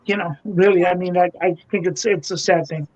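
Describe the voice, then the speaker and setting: A man speaks earnestly on a live video-call panel, stumbling and repeating words as he makes his point. His voice sits fairly high. The audio is dull and lo-fi. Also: fairly even intonation, fairly quick, darkish tone. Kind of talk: casual panel chat.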